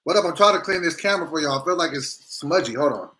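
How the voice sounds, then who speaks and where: Guy livestreaming w a grill in his teeth, higher forceful voice, slangy and blunt, just chatting. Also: expressive, rapid-fire. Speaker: livestream host. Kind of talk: casual livestream chat.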